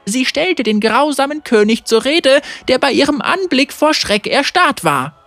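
A woman reading a fantasy story aloud in a measured, expressive narrating voice. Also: sits high, no room sound, soft background music.

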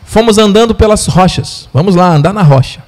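A man with a Brazilian Portuguese accent preaching a sermon, telling a story with animated voices for the people in it. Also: high voice, a little fast. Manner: animated storyteller, acts out quotes. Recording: long hall reverb.

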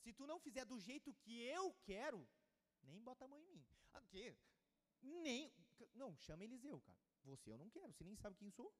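A man's voice: very high-pitched, big pitch swings, brisk. A man playing a proud, offended foreign army commander who talks in indignant, demanding slang. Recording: long hall reverb.

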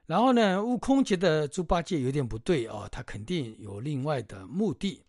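A man's voice: on the high side, big pitch swings, normal speed, a little mellow, dry recording, clean studio sound. A man telling a classic tale in a chatty, casual way, with frequent hesitations and fillers. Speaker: storyteller. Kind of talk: casual storytelling narration.

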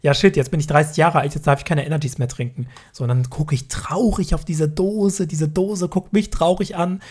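Man, thirties, slightly high voice, casual podcast chat, opinionated. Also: fairly even intonation, normal speed, darkish tone, breathy edge. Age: 30s. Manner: chatty, opinionated, laughs between points. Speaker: podcast co-host. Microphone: remote call from home.

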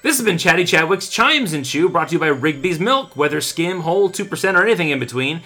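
A man's voice: on the high side, expressive, fast talker, pushed and bright, soft background music. A man playing an earnest, grandiose, lovelorn radio poet-doctor in a mock radio segment, with theatrical, florid delivery. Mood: cheery sponsor pitch. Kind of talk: mock radio segment with sponsor reads and dramatic poetry.

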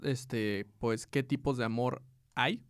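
A man with a Mexican Spanish accent co-hosting a podcast in casual chat, relaxed and reading definitions aloud. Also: mid-range voice, takes it slowly, clean tone, no echo, studio quality. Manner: laid-back, reads aloud with laughs. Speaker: podcast co-host.

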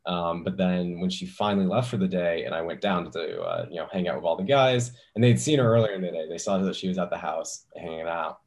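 A man's voice: low voice, brisk, few pauses, darkish tone. A young man hosting a podcast, talking in an easygoing way with lots of fillers and restarts. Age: young adult. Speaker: podcast host. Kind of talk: casual chat.

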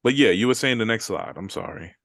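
A man's voice: lowish voice, expressive, quick pace, fairly bright tone, no echo, studio quality. A man co-hosting a podcast, talking in a laid-back slangy way and reading listener comments aloud. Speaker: podcast co-host. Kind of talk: casual chat.

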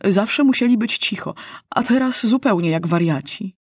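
A woman's voice: medium pitch, animated, moderate pace, husky, no room sound, studio quality. A woman voicing a humble, pleading male master of ceremonies at a royal court in a storybook reading. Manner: deferential, pleading.

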